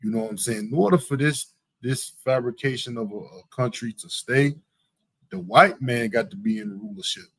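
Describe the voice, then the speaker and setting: A man's voice: medium pitch, moderate pace, fairly bright tone, husky, no echo. A man hosting a live talk show, giving heated, preachy religious commentary with emphatic repetition. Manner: emphatic, preachy, repeats "you know what I'm saying". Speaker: podcast host.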